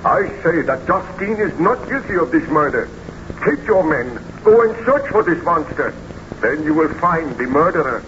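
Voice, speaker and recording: An actor playing a remorseful, commanding baron in a 1930s radio drama, with formal, theatrical delivery. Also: male voice, a little high, very animated, moderate pace, fairly bright tone. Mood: insistent. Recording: muffled, noisy 1930s radio recording.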